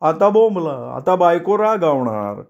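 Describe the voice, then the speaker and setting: A man's voice: a little high, sing-song, unhurried, creaky, a little mellow, muffled recording, voice pushed up, exaggerated voice. A man voicing an anxious, timid office clerk who talks in a fretful, whiny way.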